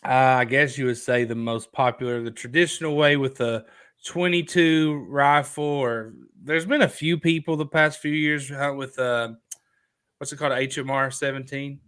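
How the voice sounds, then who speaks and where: A man's voice: on the high side, normal speed, fairly bright tone, smooth. Talkative man hosting a live chat. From Kentucky. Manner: loose and talkative, reads out viewer comments, jumps between topics. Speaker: livestream host.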